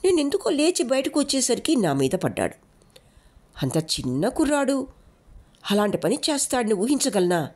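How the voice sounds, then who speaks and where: A woman's voice: fairly high pitch, sing-song, moderate pace, pauses often, darkish tone, voice pushed up. A woman narrator voicing a cornered wife who pleads and defends herself. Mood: defensive. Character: cornered wife making excuses, grown woman.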